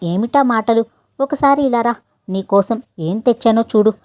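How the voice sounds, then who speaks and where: A woman's voice: a little high, normal speed, darkish tone, no room sound, lightly acted. A woman voicing a young husband, a busy doctor, who answers his wife in an exasperated, defensive way, read in an audio story. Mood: teasing.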